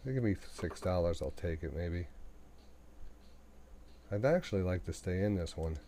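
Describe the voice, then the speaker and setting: A man's voice: sits low, lively intonation, moderate pace, mellow, a little hiss or hum. A man with a New York accent hosting live day trading commentary, thinking aloud and talking to the market and to himself. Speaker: day trading radio host.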